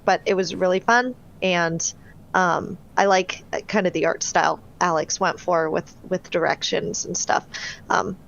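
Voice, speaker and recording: Mid-pitched woman, modest and chatty, muffled call audio. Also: fairly bright tone. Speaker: voice actor and illustrator in the cast. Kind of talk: casual chat. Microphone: online voice chat.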